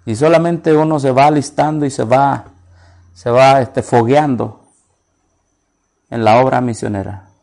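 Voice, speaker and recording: A man preaching a sermon, retelling conversations with animated storytelling and acting out both sides. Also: medium pitch, unhurried, creaky, pauses often. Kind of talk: sermon with retold dialogue.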